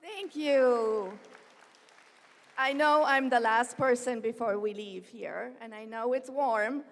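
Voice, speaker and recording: A woman delivers a commencement address at a podium microphone, her voice slightly high with a gravelly edge. She speaks in a heartfelt, personal way and often strays from her script. Her words ring out with the long reverb of a large hall. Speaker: university president.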